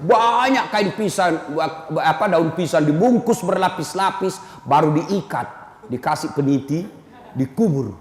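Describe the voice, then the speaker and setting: A man's voice: fairly high pitch, measured pace. A man preaching a humorous sermon, telling stories and switching voices. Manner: animated storytelling, jokey, switches voices. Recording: echoey hall with long reverb.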